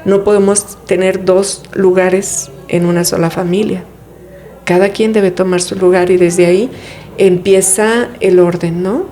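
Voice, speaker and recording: A woman's voice: mid-range voice, fairly even intonation, measured pace, mellow, faint music behind. A woman, a guest in an interview, explaining family dynamics in a reflective way, often posing rhetorical questions. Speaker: guest speaking on family therapy. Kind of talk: conversational interview.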